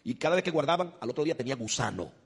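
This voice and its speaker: A male pastor preaching an animated sermon, acting out voices and rising to loud, high exclamations. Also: rapid-fire, vocal fry, breathy edge. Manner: acts out voices of God and churchgoers. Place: church. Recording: long hall reverb.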